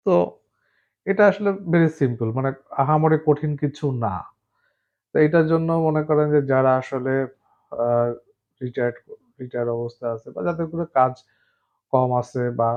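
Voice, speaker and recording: Man, mid-pitched, halting explainer, lots of filler sounds, dull lo-fi audio. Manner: hesitant, many filler sounds and restarts, mixes English terms. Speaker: forex trading promoter. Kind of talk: casual explainer talk to camera.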